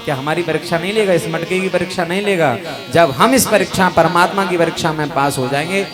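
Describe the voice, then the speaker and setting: A man preaches a devotional sermon, sometimes chanting Sanskrit verses. His voice sits fairly high and often sinks low and soft at the ends of phrases. Instrumental music plays clearly behind him. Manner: storytelling, drops voice low and soft at line ends. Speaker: Bhagavat katha preacher. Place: live katha gathering with music accompaniment.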